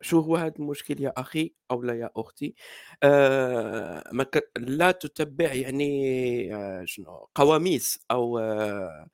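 A man's voice: medium pitch, normal speed, no room sound, studio quality. A man with a Moroccan Arabic accent, talking hesitantly in a casual online debate with many fillers and restarts. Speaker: discussion participant.

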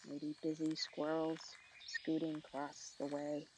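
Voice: medium pitch, completely flat delivery, rough recording. Soothing meditation guide over nature sounds. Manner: soothing, slow, pausing between short phrases. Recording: clear outdoor nature noise, birdsong.

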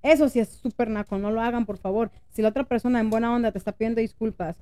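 A young woman with a Mexican Spanish accent, co-hosting a podcast, telling stories in lively, slangy casual chat. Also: a little high, fast. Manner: lively storyteller, slangy and animated. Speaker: podcast co-host.

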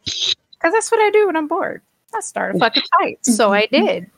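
Brief: woman podcast co-host, a touch high-pitched, dry close sound, lively foul-mouthed storyteller. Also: moderate pace, dry recording. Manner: animated, swears freely, acts out quotes. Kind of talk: casual storytelling chat.

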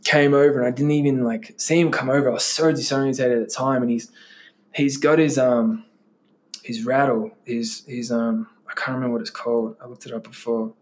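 Male interview guest, casual storyteller, meandering delivery with constant fillers, mid-pitched voice. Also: fairly even intonation, a little fast, darkish tone. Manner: loose and rambling, many "like" and "um" fillers.

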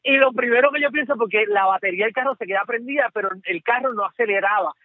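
A Puerto Rican man calling into a show, telling a story in an animated way and repeating "te lo juro" and "¿ok?". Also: extremely high pitch, quick pace, no echo. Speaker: caller. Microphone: phone. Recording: tinny dry phone line.

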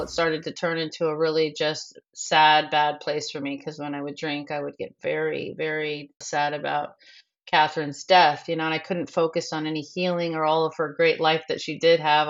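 A middle-aged bereaved mother speaking frankly in an interview, halting with lots of fillers. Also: low voice, monotone, muffled recording. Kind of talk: candid personal interview.

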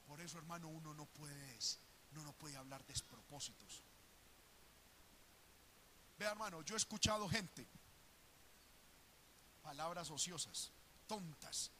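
A male preacher delivering a sermon, animated, calling listeners brother and acting out voices. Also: on the high side, measured pace, pauses often, slight background noise.

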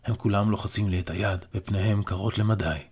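Husky low-voiced male narrator. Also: steady tone, a little mellow. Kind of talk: first-person audiobook narration.

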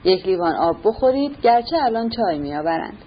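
A woman's voice: medium pitch, big pitch swings, natural voice. Woman reading a haughty young noblewoman, pointed and teasing, audiobook. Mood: cool. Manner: pointed, mocking questioning. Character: proud, sharp-tongued young noblewoman. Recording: muffled recording with faint hiss.

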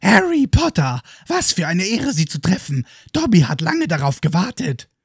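A man voicing a servile male house elf with a squeaky, shrill voice that turns sobbing and overwrought, read in a storybook podcast. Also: huge pitch swings, moderate pace, slightly rough, dry recording, clean studio sound, full character voice. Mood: servile delight.

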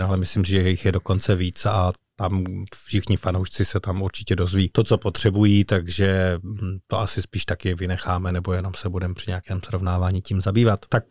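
Low, flat-voiced man hosting a podcast. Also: hardly any pauses, dry recording. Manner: even, level delivery with frequent hesitations. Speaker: podcast co-host, historian. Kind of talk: casual podcast chat.

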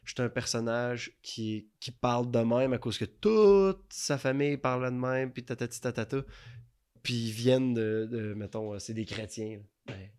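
Young Québécois man, rambling joker, mid-pitched voice. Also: moderate pace, a little mellow, smooth. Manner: rambling, joking. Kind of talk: casual chat.

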